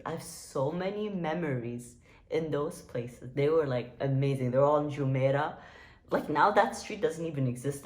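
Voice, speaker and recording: Low-voiced woman gushing in a vlog. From Dubai. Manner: nostalgic, gushing, lots of "like" and "you guys". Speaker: vlogger. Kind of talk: casual vlog chat to camera.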